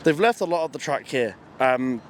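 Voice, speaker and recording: A young British man chats enthusiastically to his handheld camera as he wanders outdoors. His voice sits at a middle pitch and his speech is loose and slangy. Street and traffic noise are clearly heard behind him. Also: animated, moderate pace. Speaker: vlogger. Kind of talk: casual travel vlog narration. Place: outdoors in a city and at a racetrack.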